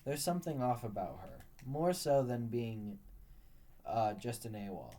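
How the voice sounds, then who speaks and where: A man reading a story aloud at a steady, unhurried pace. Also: medium pitch. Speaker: narrator.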